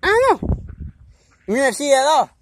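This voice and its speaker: A woman's voice: high-pitched, fast. A woman vlogging in a playful, rambling way who turns earnest when she signs off. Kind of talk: casual vlog chat. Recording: faint background noise.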